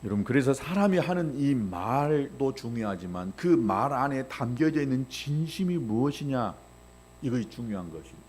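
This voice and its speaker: A man's voice: mid-range voice, normal speed, slight background noise. A male pastor delivering a sermon. He asks the congregation rhetorical questions and acts out little voices along the way. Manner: animated preaching with rhetorical questions, acting out voices.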